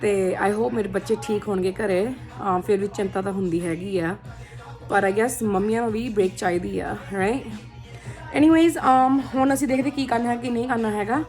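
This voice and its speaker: A woman's voice: mid-range voice, steady tone, normal speed, darkish tone, soft background music. A woman vlogger chatting casually to her viewers, slipping English phrases into her talk. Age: adult, a mother of children. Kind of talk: casual vlog chat.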